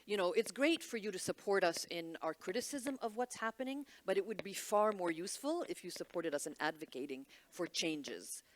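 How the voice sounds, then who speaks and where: A woman's voice: fairly low pitch, animated, normal speed, hardly any pauses. A woman from Egypt speaking on a panel, candid and wry, with many restarts and fillers. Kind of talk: panel discussion.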